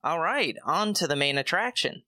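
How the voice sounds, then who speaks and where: A man's voice: on the high side, expressive, moderate pace, over loud music. A man hosting his own film review podcast, reading a script with chatty, joking asides.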